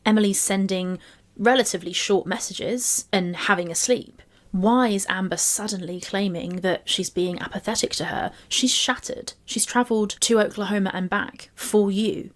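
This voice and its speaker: A woman commenting on a couple's text messages, reading quotes aloud and analysing them in a measured, analytical way. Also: mid-range voice. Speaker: commentary channel co-host.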